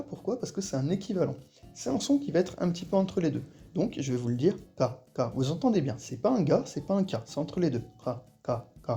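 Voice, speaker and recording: Mellow, lively-voiced language teacher. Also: medium pitch. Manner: patient, repeats sounds slowly for the listener to copy. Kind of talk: explanatory lesson voice-over.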